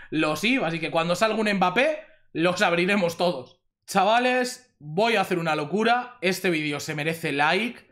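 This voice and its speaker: A young Spanish gaming YouTuber with a high-pitched voice and a Spanish accent narrates a pack opening. He gets excited easily, repeats himself, and shouts whenever a good pull shows up. He speaks close to a desk microphone.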